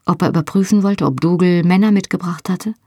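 A woman narrating a novel in the first person with measured storytelling. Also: lowish voice, dark tone, no echo, clean studio sound. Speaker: audiobook narrator.

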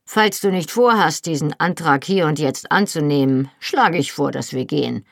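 A reader voicing a wry, matter-of-fact, loyal older Highland clansman in an audiobook. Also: animated, moderate pace, vocal fry, a bit bright, no echo, clean studio sound, exaggerated voice. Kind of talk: audiobook character voice.

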